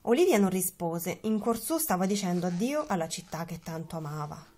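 A woman reading a children's picture book aloud in an expressive, animated way. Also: lowish voice, moderate pace, a little hiss or hum. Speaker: reader.

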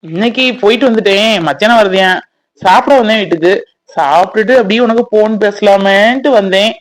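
A woman voicing a protective young village man in a cartoon, speaking in a with a gentle, reassuring manner. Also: medium pitch, a little fast, close to an everyday voice, low-quality recording.

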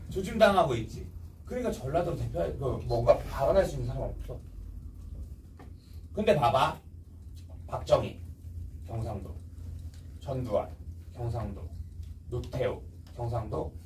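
A man's voice: mid-range voice, animated, moderate pace, long pauses, darkish tone, recorded from a distance, slight background noise, rough recording. Blunt man teaching with quiz questions. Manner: blunt, slangy, quizzes students often. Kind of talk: casual history lecture.

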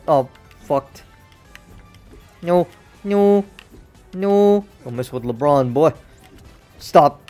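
A young man streaming a fighting game, cursing and yelling at his misses in casual commentary. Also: a little high. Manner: excitable, swears a lot, yells at misses. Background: faint game music.

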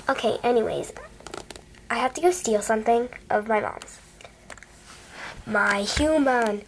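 A teenage girl vlogging to camera, rambling playfully and dropping into whispers between loud bursts. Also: a little high, a little hiss or hum. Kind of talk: casual vlog chat.

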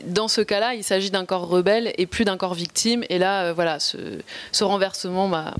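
A woman's voice: medium pitch, steady tone, fairly quick, no echo. A woman filmmaker talking to an audience at a live event in a shop, hesitant and apologetic, with many fillers and restarts. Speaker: filmmaker guest at a public talk. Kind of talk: casual public talk to an audience.

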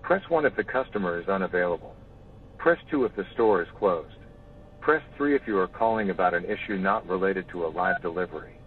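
A man's voice on a recorded phone menu message, reading automated prompts in an even, measured way. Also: sits low, recorded from a distance, slight background noise. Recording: tinny phone line from a speaker.

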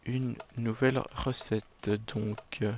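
A man talks through his game in a loose, joking way, muttering and mocking himself as he plays. His voice sits at an ordinary middle pitch. Faint keyboard clicks are heard behind him. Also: level tone, slow, slight background noise. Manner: chatty, self-mocking, muttering to himself while playing. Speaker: let's play gamer. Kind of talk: casual game commentary.

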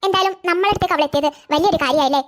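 A woman's voice: very high-pitched, racing. A woman voicing a sweet, clinging thirteen-year-old girl in a cartoon, pleading and affectionate. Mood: worried. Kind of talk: cartoon voice acting.

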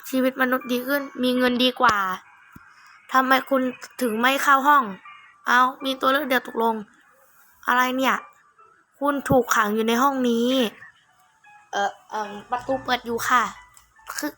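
Female gamer, fairly high and very bright voice; casual playthrough commentary, reads on-screen text, blunt, sweary, mocking. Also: steady tone, normal speed, long pauses, soft background music. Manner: blunt, mocking, foul-mouthed. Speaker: gamer playing through a horror game. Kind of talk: casual gameplay commentary, reading game text aloud.

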